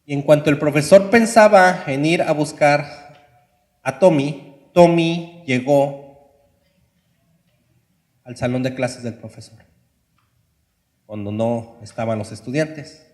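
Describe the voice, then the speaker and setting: A male pastor telling a story in a sermon, dramatic, swinging between loud and soft. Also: fairly high pitch, takes it slowly, long pauses.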